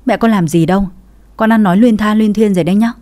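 A woman's voice: medium pitch, fast talker, a little mellow, voice pushed up, close to an everyday voice. A woman voicing a defensive middle-aged stepmother in a read-aloud family story.

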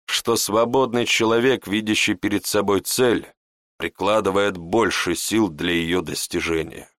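A man reading an audiobook, voicing a calm male servant who answers in a measured, dry way. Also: lowish voice, no room sound.

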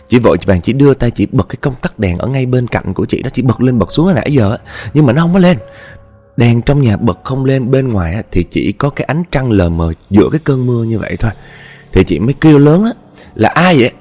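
A man's voice: mid-range voice, expressive, fast, dark tone. A man with a Southern Vietnamese accent narrating a horror story, chatting directly to his listeners. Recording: faint background music.

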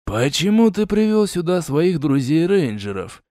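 A man reading the part of an experienced, guarded male warrior and earth mage, his lines slowed and set a little lower than the narration. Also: very animated, mellow, dry recording, clean studio sound. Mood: wary.

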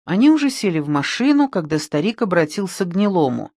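A narrator reading an audiobook in a lively storytelling manner. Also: medium pitch, fast talker, dry recording, studio quality. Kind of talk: scripted narration.

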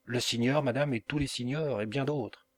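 A man voicing a frightened young maidservant who pleads urgently and in a hushed voice. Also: mid-range voice, normal speed, pitched above the performer's own voice, natural voice. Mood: frightened pleading.

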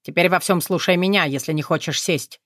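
A woman's voice: on the low side, fairly quick, a bit bright, no room sound, natural voice. Brutal young male thug, growled threats, read by a woman, dry close audiobook sound. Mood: cold.

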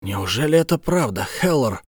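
A man's voice: mid-range voice, big pitch swings, normal speed, husky, no echo, clean studio sound. Brief: male narrator as a strict, insistent official for an audiobook, plain reading voice. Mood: stern. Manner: insistent, questioning.

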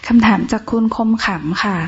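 A woman reading listeners' questions aloud to a monk in a polite, measured way. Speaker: question reader. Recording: dull recording, faint room noise.

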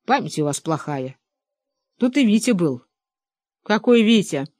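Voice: medium pitch, sing-song, measured pace, darkish tone, no echo, studio quality. A narrator voicing a stubborn, simple-minded young man who rambles in rustic, colloquial speech. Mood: rambling.

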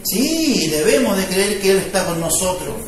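High-voiced pastor in echoey church. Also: male voice, lively intonation, normal speed, over music. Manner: conversational preaching with rising fervor, frequent "¿me entiende?". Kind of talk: sermon. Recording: echoey room, voice from far off mic.

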